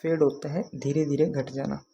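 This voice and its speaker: A man's voice: a little high, level tone, normal speed, vocal fry, dark tone, lo-fi sound, slight background noise. A man from Haryana teaching an exam prep lesson, patiently repeating questions to his students. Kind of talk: explaining lesson.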